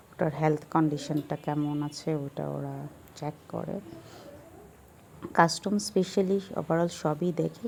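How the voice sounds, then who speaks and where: A woman who works as a wildlife inspector, speaking, explains things in a relaxed, casual vlog style and mixes in English words. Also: low voice, vocal fry, slight background noise, rough recording.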